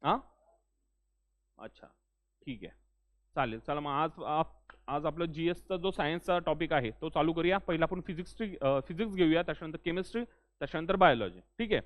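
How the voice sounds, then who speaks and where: A man's voice: a little high, brisk. A young man teaching a classroom lecture in a friendly way, often saying "ठीक आहे" and urging students to speak up. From Maharashtra. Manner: loudly urges students to speak up. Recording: tinny phone-like recording.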